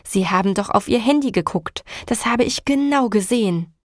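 A woman voicing an angry grown man who shouts indignantly at a driver in an audiobook scene. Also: fairly high pitch, expressive, moderate pace, no echo, clean studio sound. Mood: furious. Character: furious father, a grown man.

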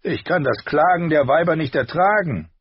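A man's voice: a little high, lively intonation, normal speed, slightly rough, no echo, pitched above the performer's own voice. Whiny cruel boy prince, guy doing the voice, storybook, muffled dry sound. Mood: sulky. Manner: whiny, petulant. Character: spoiled cruel boy prince, sulky and petulant.

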